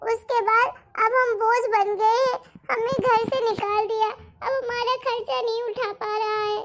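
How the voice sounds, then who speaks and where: Worn-down elderly mother , played by a woman for a story video, high, slow, pleading. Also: fairly even intonation, fairly bright tone, full character voice. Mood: sorrowful. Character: old, tearful, worn-down mother.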